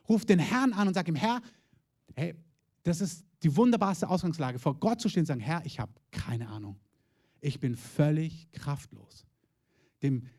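A man's voice: high voice, darkish tone. A man preaching a sermon as pastor, emphatic, with repeated calls of Amen and long spoken lists. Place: church in Berlin.

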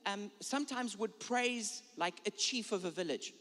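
A man preaching in English, pausing line by line for an interpreter, fervent and building in bursts. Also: high-pitched, sharp tone. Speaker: guest preacher. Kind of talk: sermon with live interpreter. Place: church hall. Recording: long hall reverb.

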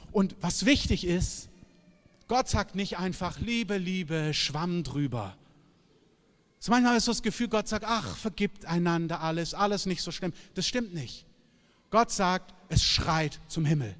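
A man preaching a sermon in a lively, emphatic, conversational way, with sudden loud bursts. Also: sits high. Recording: long reverb of a large hall.

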